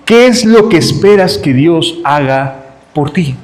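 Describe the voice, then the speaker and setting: A man's voice: on the high side, lively intonation, slow, poor audio. A man preaching a sermon, emphatic, acting out the cries and voices of the scripture story.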